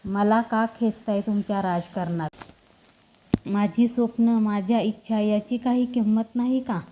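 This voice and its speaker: A woman voicing a young woman who pleads tearfully and speaks a little higher than her narration. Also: steady tone, measured pace, noisy background, lightly acted. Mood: pleading. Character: young woman, a politician's daughter, in love and pleading.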